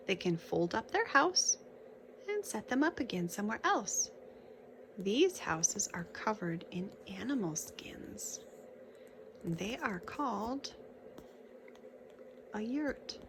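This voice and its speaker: Reading a picture book aloud for young kids, a woman with a mid-range voice speaks over a noisy background. She teaches as she goes, pausing on the pictures with casual remarks and questions.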